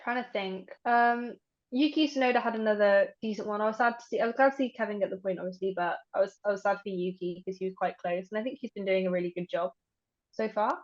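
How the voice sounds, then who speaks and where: A woman's voice: mid-range voice, quick pace. A young woman chats casually as a podcast co-host. She hedges her points and fills gaps with "um". The audio is dull and lo-fi. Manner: chatty, hedging, many fillers. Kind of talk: casual chat.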